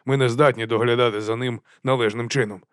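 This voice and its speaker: A man voicing a gloomy, curt middle-aged watch captain in an audiobook, speaking slowly. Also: mid-range voice, steady tone, no room sound, studio quality, natural voice. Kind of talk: audiobook character voice.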